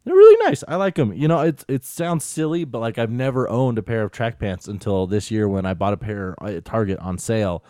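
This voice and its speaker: A man's voice: on the low side, brisk, few pauses, a little mellow, dry recording, studio quality. An American man talking casually as a podcast co-host, rambling and earnest, often saying "you know". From United States. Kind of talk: casual tech podcast talk.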